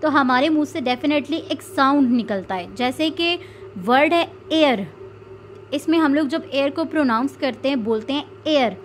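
A woman's voice: high voice, slight background noise. A woman teaching an English grammar lesson. She explains step by step and answers her own questions. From Pakistan.

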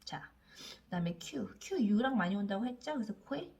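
A woman teaching English reading, sounding out each letter slowly and coaxing learners to repeat words after her. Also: mid-range voice, lively intonation, creaky, a little mellow. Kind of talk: slow phonics lesson for learners.

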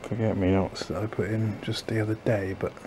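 A gardening vlogger with a voice on the low side talks a little fast in a level tone. He chats casually to camera while planting in his small backyard, musing, second-guessing himself, and trailing off frequently, amid noisy outdoor ambience.

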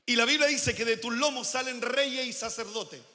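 A man preaches a sermon in a large church hall, his voice high and bright. He swings between loud, emphatic declarations and quiet asides. A long reverb trails each line. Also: moderate pace. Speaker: pastor.

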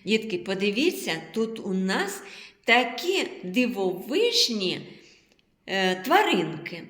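A woman teaching a preschool literacy lesson in a slow, sing-song voice, drawing out sounds for small children. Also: mid-range voice, very animated, a bit bright. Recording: very echoey room sound.

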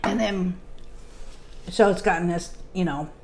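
A woman's voice: fairly low pitch, measured pace, gravelly, darkish tone, slight background noise. A woman vlogger telling casual stories while eating, chatty, with frequent "like" fillers. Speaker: mukbang vlogger.

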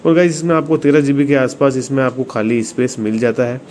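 Speaking briskly in a darkish, mid-range voice, a tech reviewer and video host with an Indian accent handles a phone in a casual review, repeatedly addressing viewers. The recording is clearly noisy room audio.

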